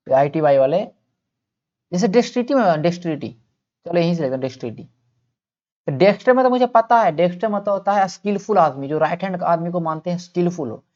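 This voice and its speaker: This male teacher has a fairly high pitch and a dark tone, heard through dull audio during an online vocabulary class. He raises questions, supplies the answers himself, and lengthens words so listeners can repeat them.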